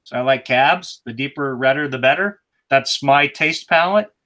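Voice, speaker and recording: A middle-aged dad on a family video call with a bright, forceful voice. He rambles through relaxed explanations and slips in jokes as he goes, heard over the call's mic. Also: mid-range voice, moderate pace. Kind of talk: casual chat.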